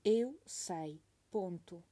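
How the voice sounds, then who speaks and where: A woman's voice: lowish voice, expressive, drawn-out words, warm tone. A woman giving a dictation as a teacher, reading each phrase twice and saying the punctuation marks aloud.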